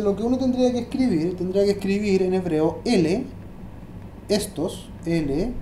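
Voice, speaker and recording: A language teacher explains a lesson in a mellow, dark-toned voice, often pausing and repeating words while working things out aloud. The voice sits at a middling pitch and carries the echo of a bare room. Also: slight background noise. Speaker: Hebrew teacher.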